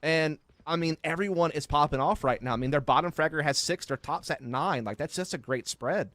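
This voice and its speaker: A man's voice: on the high side, a little fast, a bit bright, no echo. A man giving conversational, analytical color commentary on an esports match. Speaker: esports caster.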